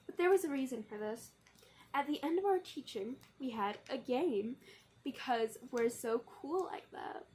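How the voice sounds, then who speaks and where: High-pitched girl vlogging, chatty and jokey, lots of little asides, voice going up and down. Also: breathy edge. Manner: chatty and playful, with quick asides and jokes; expressive, shifting between lively and low, mumbled tones. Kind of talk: casual chat to camera.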